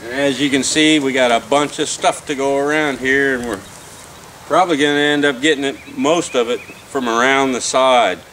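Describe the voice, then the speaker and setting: A relaxed man talks through a job outdoors, plain-spoken and unhurried, with plenty of fillers. His voice sits at an ordinary pitch for a man. Steady outdoor noise runs behind him. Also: low-quality recording. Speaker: beekeeper doing a bee removal. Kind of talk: casual on-site explanation. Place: outdoors beside a house wall.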